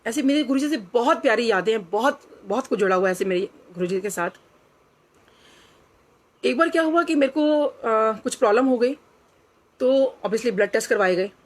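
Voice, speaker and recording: A woman's voice: on the high side, lively intonation, moderate pace. Earnest middle-aged woman telling a story. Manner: earnest, reflective, drops into quoted dialogue, mixes in English phrases. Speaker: devotee sharing a testimony. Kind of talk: personal storytelling.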